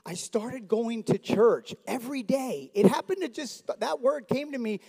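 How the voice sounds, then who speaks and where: A man's voice: very high-pitched, lively intonation, normal speed, gravelly, slightly rough. A man from South Florida in his forties gives an earnest testimony to a church, with touches of humor. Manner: earnest, warm, with light humor. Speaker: church member giving testimony. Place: church hall. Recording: long reverb of a church hall.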